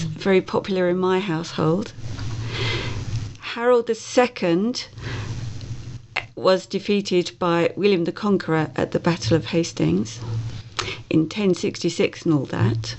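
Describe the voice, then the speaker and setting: Lady radio host, slow and chatty, lowish voice, faint room hum behind. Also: a little mellow. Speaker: radio presenter. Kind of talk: relaxed radio presenting.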